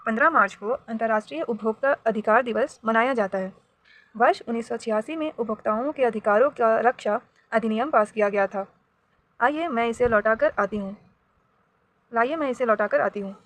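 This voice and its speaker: A woman voicing a clever, outspoken young girl in a read-aloud storybook, speaking firmly and loudly. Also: on the high side, normal speed, close to an everyday voice.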